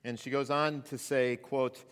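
A male pastor preaches at a pulpit microphone in a church sanctuary, and his voice rings with long hall reverb. He sits at a middle pitch and talks in a conversational way, often restarting his phrases. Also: little pitch movement, unhurried, smooth. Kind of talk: sermon.

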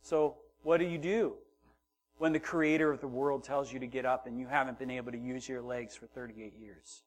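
A middle-aged man preaching a sermon, moving from hushed, quiet passages to loud, emphatic ones and acting out the voices in the story. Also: medium pitch, steady tone, normal speed. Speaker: pastor.

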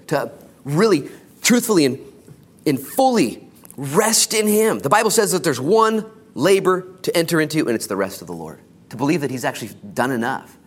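An American man preaching an informal sermon as a pastor, exhorting in casual, slangy language and shifting between hushed and emphatic delivery. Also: a little high, breathy edge. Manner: casual, colloquial, exhorting, with slangy asides and acted-out quotes.

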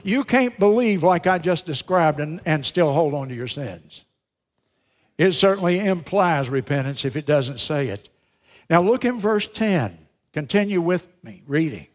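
A middle-aged male pastor preaching a sermon, swinging between loud, emphatic lines and hushed, slowed-down phrases. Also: on the high side, expressive. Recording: long reverb of a large hall.

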